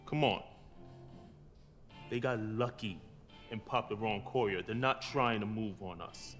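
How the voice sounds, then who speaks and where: An actor playing a menacing male gang boss in a video game cutscene, talking in slow, contemptuous street slang. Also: fairly low pitch, a bit bright, soft background music.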